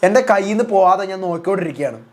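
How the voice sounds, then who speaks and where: A woman's voice: mid-range voice, lively intonation, racing, close to an everyday voice. Woman voicing a blunt defiant male housemate. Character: defiant male housemate threatening to expose others.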